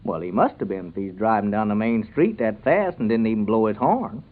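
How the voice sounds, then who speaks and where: Man playing an animated folksy country neighbour, old radio. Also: fairly low pitch, brisk, natural voice. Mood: indignant, insistent. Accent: rural Southern American. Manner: folksy, earnest. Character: plain-spoken small-town man, indignant neighbour and friend. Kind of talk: old-time radio comedy serial acting, conversational. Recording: narrow, tinny vintage radio recording.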